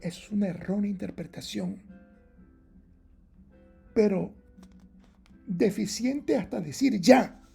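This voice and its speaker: Male preacher, sermon delivery; dark, raspy, gravelly; drives points home by repetition. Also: sits high, expressive, takes it slowly, long pauses, soft background music. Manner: emphatic, repeats key points over and over; argumentative, challenges rival readings. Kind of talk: Bible-teaching sermon.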